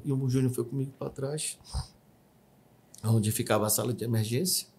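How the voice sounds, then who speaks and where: Husky-voiced man telling a testimony. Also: mid-range voice. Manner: vivid storytelling, acts out shouts and quotes. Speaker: podcast guest giving testimony. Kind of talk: emotional personal testimony.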